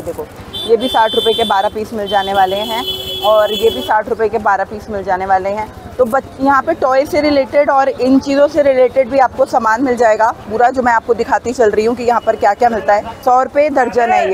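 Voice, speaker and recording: A woman's voice: fairly high pitch, background noise. Chatty woman touring a busy market. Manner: chatty, explains prices to viewers while bargaining. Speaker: shopping vlogger. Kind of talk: walking market tour vlog. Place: busy outdoor wholesale market.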